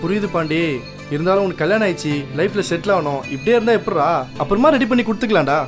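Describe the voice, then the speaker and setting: A man's voice: high-pitched, rapid-fire, natural voice. A man playing a breezy, chummy and slightly pushy young businessman in casual film dialogue. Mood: coaxing. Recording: music behind film dialogue.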